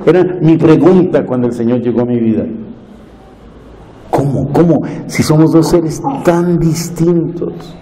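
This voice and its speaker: A man preaching a sermon with impassioned, drawn-out phrasing, dropping to a hush and rising to loud cries. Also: on the high side, slight background noise, rough recording. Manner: impassioned, swinging from hushed to loud.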